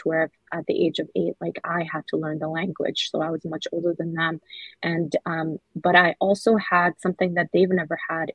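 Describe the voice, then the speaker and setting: Husky-voiced Somali-born woman, low and flat. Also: dry recording, highs cut off. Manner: earnest, measured, many soft fillers. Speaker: children's book author, guest. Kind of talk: reflective interview answers.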